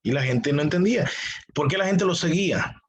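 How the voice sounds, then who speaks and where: Brief: husky, fairly high-voiced male pastor, emphatic teaching sermon. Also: brisk, low-quality recording. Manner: emphatic, rhetorical questions.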